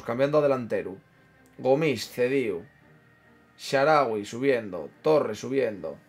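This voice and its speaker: With a husky, medium-pitched voice, a man streams a football management game and keeps up casual commentary. He mutters to himself, jokes around, and reads viewers' chat messages aloud.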